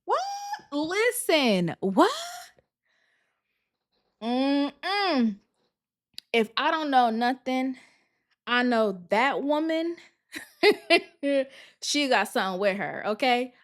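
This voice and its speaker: A woman's voice: sits high, takes it slowly, pauses often. Sassy woman podcaster riffing on news. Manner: animated, sassy, talks back to the story. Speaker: podcast host. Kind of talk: casual news commentary.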